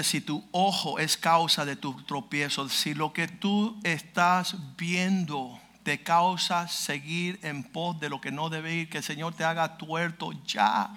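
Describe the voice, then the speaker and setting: A man preaching a fiery sermon who speaks bluntly, cracks mocking asides and bursts into shouts. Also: fairly high pitch. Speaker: pastor.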